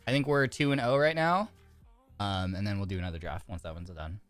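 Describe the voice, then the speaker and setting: This streamer has a lowish, fairly bright voice and talks fairly quickly, recorded dry with soft music underneath. Congested with a sore throat, he chats about his card game, reads the cards out, and keeps restarting with lots of fillers.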